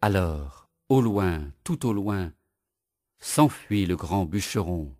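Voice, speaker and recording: A man reading a children's story aloud in a slow, deliberate, sing-song manner. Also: sits low, animated, dark tone, dry recording, studio quality, soft background music.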